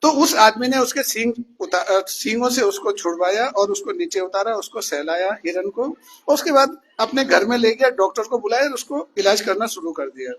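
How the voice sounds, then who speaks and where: A man's voice: high voice, lively intonation, normal speed, fairly bright tone, breathy edge. A male teacher telling a story to children in class, often asking them questions as he goes. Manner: asks questions to the listeners.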